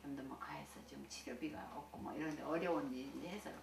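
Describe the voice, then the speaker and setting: A woman's voice: low voice, steady tone, fast talker, gravelly. Older woman chatting in an echoey room. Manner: folksy and chatty, laughs often, many restarts. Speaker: senior Won Buddhist minister. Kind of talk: recounting life experiences to listeners. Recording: echoey room, distant mic, faint hiss.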